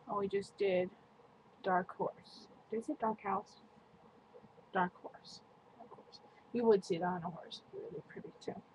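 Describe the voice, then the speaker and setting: Woman rambling about makeup, slow easy pace, middle pitch, kinda lo-fi webcam with faint noise. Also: darkish tone. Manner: chatty, slow and meandering, lots of "like". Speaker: beauty vlogger. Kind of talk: casual product review.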